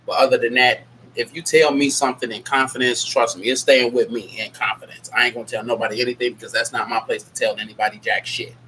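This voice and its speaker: A male host fields a casual live Q&A, talking fast in a steady, medium-pitched voice with a sharp edge. Being sick with a stuffy nose and scratchy throat leaves him nasal. He rambles, speaks bluntly and honestly, and names people from the chat.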